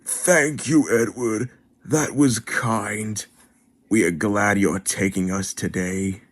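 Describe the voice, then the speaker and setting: A man's voice: fairly low pitch, slow. A man voicing polite, fretful railway coaches in a children's story. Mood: grateful.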